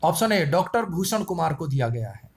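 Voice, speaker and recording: A man's voice: a little high, big pitch swings, fairly quick. A man teaching general-knowledge quiz answers with playful wordplay and repetition. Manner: playful wordplay, repeats lines. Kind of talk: memory-trick quiz lesson.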